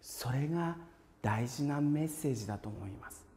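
A man preaching a calm, measured sermon in a steady voice, sometimes dropping to a hushed whisper. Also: medium pitch, in a large hall, slight background noise. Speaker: pastor.

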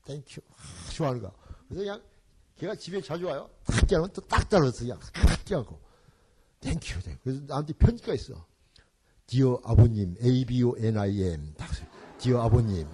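Husky, lively older man telling stories. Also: mid-range voice. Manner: animated storytelling, acting out family scenes, dropping in English phrases. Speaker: church elder giving a parenting seminar. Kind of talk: seminar talk with storytelling.

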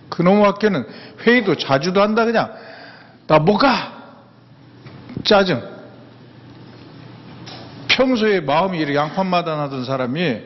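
A man giving a plain-spoken, folksy public lecture on mental health, often dropping affirming fillers, recorded in a lecture hall. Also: a little high. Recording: dull lo-fi sound with long hall reverb.

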